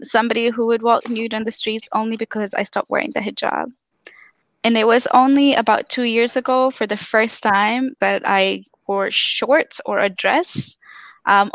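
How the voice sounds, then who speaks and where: A woman's voice: mid-range voice, fairly bright tone, dry recording. Young woman from Tanzania, earnest testimony over a video call, dry close sound. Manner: earnest, many fillers and restarts. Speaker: activist speaker on a live stream. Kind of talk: personal testimony on a live stream.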